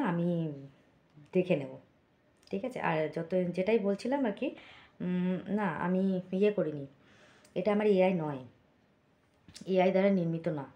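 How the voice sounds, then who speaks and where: A woman vlogger talks casually to her viewers and reads their comments aloud. Her voice sits low and sounds mellow. She keeps it chatty, with many small fillers and asides. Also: gravelly. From Bengal.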